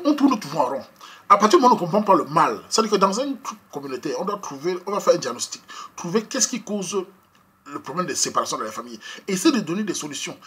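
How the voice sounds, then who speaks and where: A man's voice: a little high, bright, forceful tone, slightly rough. A man from Cameroon with a Cameroonian French accent, giving a preachy opinion monologue that repeats its points and rises to emphatic outbursts. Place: Europe.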